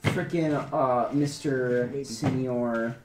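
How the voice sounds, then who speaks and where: Joking game master in an echoey room. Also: male voice, mid-range voice, fairly even intonation, drawn-out words, far from the mic, noisy background. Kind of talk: narrating a tabletop game. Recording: roomy echo.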